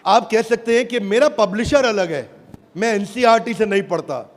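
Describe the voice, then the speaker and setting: His high-pitched voice moves at a moderate pace as he presents a product launch on stage, speaking with an Indian accent. The sales talk is emphatic and motivational, full of repeated phrases and calls to the audience. Audience noise and heavy echo fill the large hall.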